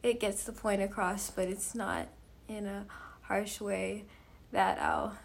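A woman's voice: medium pitch, level tone, takes it slowly, vocal fry. A young woman talking with her mother, hesitant and full of fillers, trailing off into whispers. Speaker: daughter. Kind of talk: casual conversation.

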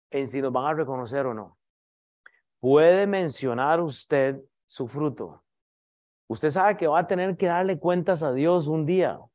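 Guy preaching, high voice, cracks jokes at the congregation. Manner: lively, joking asides to the congregation. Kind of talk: sermon.

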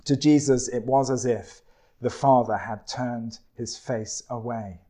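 A man preaching a sermon in a slow, deliberate way, with dramatic pauses. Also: medium pitch, steady tone, mellow.

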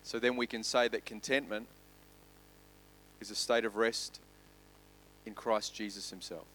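This pastor's sermon swings from loud, rapid lists to soft, deliberate emphasis. He has a lowish voice with fairly even intonation.

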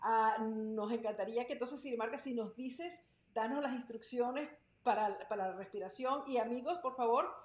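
A woman's voice: fairly high pitch, normal speed, few pauses. A woman hosting a podcast live, talking casually and directly to her audience. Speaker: podcast host. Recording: roomy, echoing sound.

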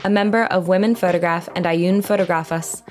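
A woman's voice: on the low side, steady tone, fairly quick, soft background music. A woman podcast host introducing her guest and asking questions in a conversational way, hedging with fillers.

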